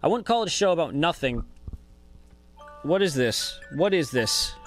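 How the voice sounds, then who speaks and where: A man's voice: fairly high pitch, big pitch swings, normal speed, faint music behind. A man in his twenties hosting a podcast, talking in a rambling, profane, laid-back way as a casual monologue. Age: 20s. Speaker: podcast host.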